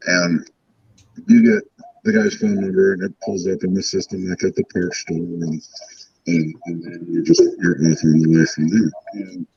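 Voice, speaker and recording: Low man, muffled breaking-up call audio. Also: expressive, moderate pace, vocal fry, a little mellow, slightly rough, no room sound. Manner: rambling storyteller with restarts. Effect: muffled audio breaking up over a stream call. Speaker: parts store counter worker, call guest. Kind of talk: casual car chat on a livestream.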